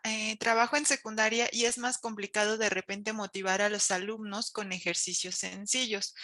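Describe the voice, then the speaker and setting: A woman's voice: fairly high pitch, sharp tone, dry recording. A woman with a Mexican accent moderating a webinar, reading viewer questions aloud with frequent hesitations. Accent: Mexican Spanish. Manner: reads viewer questions aloud with many fillers.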